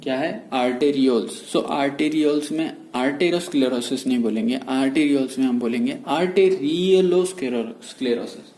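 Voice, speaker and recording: A man giving a medical lecture in a mix of Hindi and English. He explains slowly and repeats key terms. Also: mid-range voice, a little mellow. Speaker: medical teacher. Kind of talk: whiteboard lecture. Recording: echoey room with faint noise.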